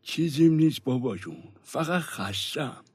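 An actor playing a moody, short-tempered older grandfather in a comic radio play, his voice husky. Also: fairly high pitch, lively intonation, darkish tone, no room sound. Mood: grumpy. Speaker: grandfather in family audio drama.

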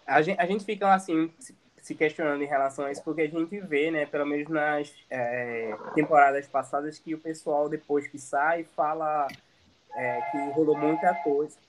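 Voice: medium pitch, steady tone, moderate pace. A host asking a guest casual questions in an interview chat.

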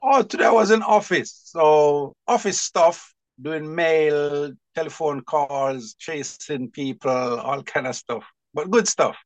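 A man's voice: fairly high pitch, takes it slowly, no echo. Jamaican guy chatting in an interview, laughs a lot, dry close sound. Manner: chatty and lively, laughs easily. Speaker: guest, publisher. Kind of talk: casual interview chat.

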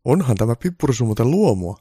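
A man voicing a calm, blunt old Santa Claus who speaks firmly and matter-of-factly, louder and a bit higher than his own voice. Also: breathy edge, dry recording. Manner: dry, matter-of-fact, firm.

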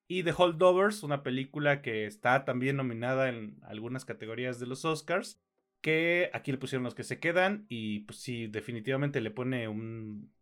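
A tired Mexican man co-hosts a film podcast, his mid-range voice a bit bright. He chats casually about films, rambling informally and correcting himself as he goes.

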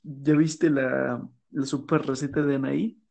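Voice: medium pitch, steady tone, unhurried, creaky, darkish tone. A person with a Mexican accent, chatting casually as a co-host and teasing a friend. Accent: Mexican Spanish. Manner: teasing, joking. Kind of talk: casual chat.

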